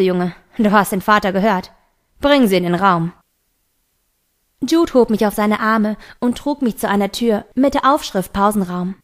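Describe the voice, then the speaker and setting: A woman reading a novel aloud in steady first-person storytelling. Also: mid-range voice. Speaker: audiobook reader.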